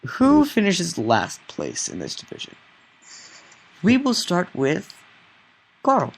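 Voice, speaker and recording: A young man hosting a casual sports podcast, his voice sitting a little high and swinging widely in pitch. He teases his co-hosts and drops puns as he moves through the predictions. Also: slow, gravelly, husky. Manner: punning, lively, teasing. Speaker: podcast host.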